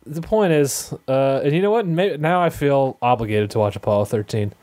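A man co-hosting a casual podcast, animated and joking, with frequent restarts. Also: mid-range voice, normal speed. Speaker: podcast co-host. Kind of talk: casual chat.

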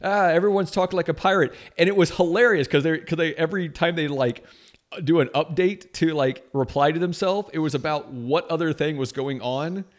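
A man's voice: a little high, normal speed. A man co-hosting a casual gaming podcast, telling stories in a loose rambling way with lots of fillers. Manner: rambling storyteller, filler-heavy. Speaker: podcast co-host. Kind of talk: casual chat.

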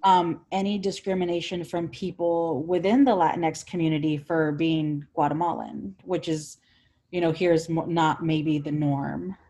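Young woman host from Los Angeles, slightly low voice, chatty and upbeat. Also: steady tone, unhurried, warm tone. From Los Angeles, USA. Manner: upbeat, filler-heavy questioning. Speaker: podcast host. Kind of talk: casual interview chat.

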